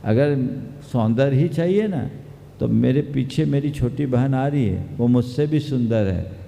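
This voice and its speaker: A man voicing a sensible, sharp-tongued young woman. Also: mid-range voice, lively intonation, measured pace, gravelly. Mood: scolding. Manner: firm and rebuking. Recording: long hall reverb.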